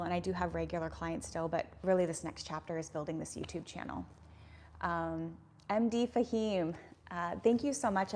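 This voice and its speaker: A woman's voice: lowish voice, a little mellow. A woman in her thirties hosting a casual livestream, reading viewer comments and talking in an earnest, rambling way with lots of fillers. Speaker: YouTube livestream host.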